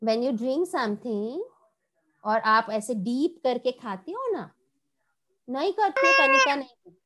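A young woman with an Indian English accent teaching a kindergarten class online, explaining slowly and switching between Hindi and English. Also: sits high, expressive, heavy background noise. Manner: slow, drawn-out explaining, mixing Hindi and English.

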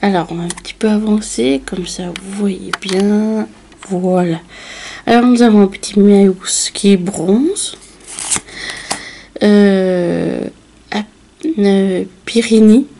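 A woman with a slightly hoarse voice, casually narrating as she opens a box of trading cards, with frequent filler words and small laughs. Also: mid-range voice, slow pace, long pauses, warm tone, a little hiss or hum. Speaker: card unboxing vlogger. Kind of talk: casual unboxing commentary.

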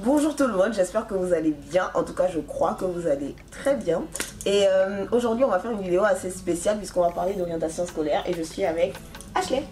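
A young woman hosting a casual interview, chatty and quick to laugh, seated in a bright room. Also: fairly low pitch, music in the background. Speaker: host.

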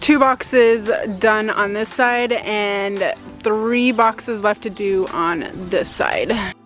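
A woman in her thirties talking casually to a handheld camera outdoors in her garden, relaxed, with frequent "um" fillers. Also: medium pitch, drawn-out words, faint music behind. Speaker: homestead vlogger. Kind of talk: casual vlog narration. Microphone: camera held at arm's length.

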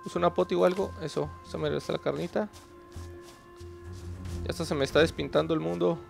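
A man's voice: on the high side, fairly even intonation, a little fast, gravelly, soft background music. A man chatting casually to viewers while playing a game, talking to himself and to creatures on screen. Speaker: gaming channel host. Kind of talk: casual gameplay commentary.

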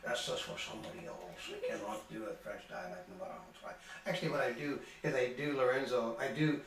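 An older man reporting on a film festival in casual chat, rambling and halting with many restarts. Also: medium pitch. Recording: echoey room from far off, faint ambience.

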